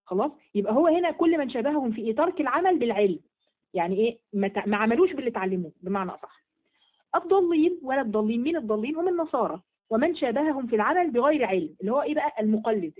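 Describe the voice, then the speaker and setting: A woman's voice: a little high, husky, narrow, tinny audio. A woman teaching a Quran study lesson in Egyptian Arabic, asking and answering her own questions as she goes. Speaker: religious teacher.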